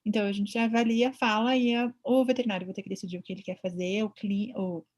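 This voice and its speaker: Brazilian vet lady lecturing online, husky voice, chatty, acts out what she's thinking. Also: medium pitch, fast talker. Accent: Brazilian Portuguese. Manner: chatty, animated, acts out her own thoughts. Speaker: veterinary ultrasound teacher.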